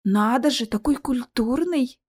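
Woman doing a high snappy vampire girl, grumpy, jumps around in pitch. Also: very animated, quick pace. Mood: prickly. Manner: sharp, grumbling, formal when needed. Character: young female vampire, prickly and proud.

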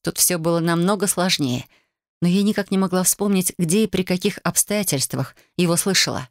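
A woman reading a first-person novel aloud in an even, measured storytelling manner. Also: lowish voice, dry recording, clean studio sound. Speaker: audiobook narrator. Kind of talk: first-person scripted narration.

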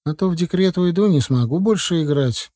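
A woman's voice: on the low side, animated, fairly quick, dark tone, no room sound, studio quality, voice pushed up. A man voicing a fretting young married woman in an audiobook, in a raised, plaintive voice. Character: young married woman, worried about saving money.

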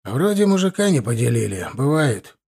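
A man's voice: medium pitch, very animated, normal speed, creaky, darkish tone, breathy edge, full character voice. A man voicing a male dormitory warden, an apologetic but sly friend who chuckles at the family drama. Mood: wry. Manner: apologetic, then wry and chuckling.

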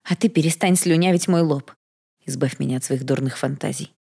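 Woman reading a defiant young bride: snappish, scornful, low voice. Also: fairly quick, gravelly, mellow, breathy edge, heavily acted.

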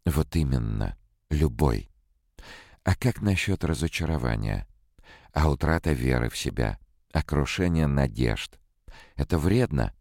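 A man voicing a sharp, mocking woman robot psychologist in an audiobook, his deep voice pushed higher. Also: lively intonation, a little slow, long pauses, no echo, clean studio sound, full character voice. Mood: scornful. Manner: mocking, cutting.

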